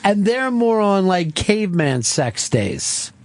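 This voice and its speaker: A man runs a radio call-in show from the studio, his voice sitting a little high. He banters with callers in a quick, crude, joking way. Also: big pitch swings, no room sound. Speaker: radio show host taking calls. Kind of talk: casual radio call-in chat.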